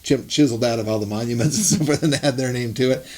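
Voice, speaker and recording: A man's voice: mid-range voice, racing, a little mellow, slight background noise. A man co-hosting a casual gospel discussion, often repeating words and restarting as he thinks aloud. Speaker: co-host.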